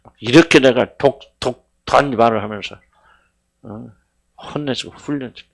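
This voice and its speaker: A middle-aged man preaching a sermon as senior pastor, fervent, swinging between loud cries and hushed words, questioning his congregation. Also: medium pitch, moderate pace, vocal fry. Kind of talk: sermon at a Friday prayer meeting.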